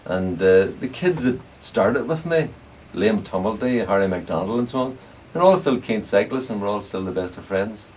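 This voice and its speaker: Deep-voiced older Ulster man, distantly miked. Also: lively intonation, normal speed, hardly any pauses, a little mellow. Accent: Northern Irish, Ulster. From Northern Ireland. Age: older, around 70 or above. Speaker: bicycle frame builder and veteran club racing cyclist being interviewed. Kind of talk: casual reminiscing interview answers. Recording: distant mic, clear background noise.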